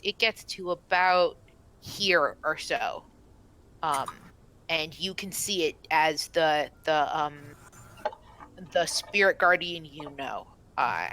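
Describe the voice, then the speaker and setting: A woman narrating a tabletop game as game master, halting and full of fillers and restarts. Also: deep voice, a bit bright, a little hiss or hum, poor audio.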